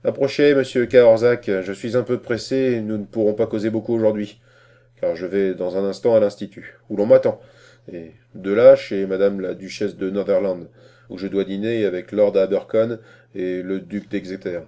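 Un homme qui joue un philosophe impatient et pompeux, d'un ton fort, brusque et sermonneur. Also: male voice, lowish voice, fairly even intonation, moderate pace, natural voice. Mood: pompous lecturing. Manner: loud, brusque, lecturing. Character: gruff pompous male philosopher, impatient.

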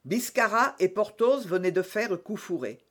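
A man narrating an adventure audiobook with expressive, dramatic storytelling. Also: high voice, moderate pace.

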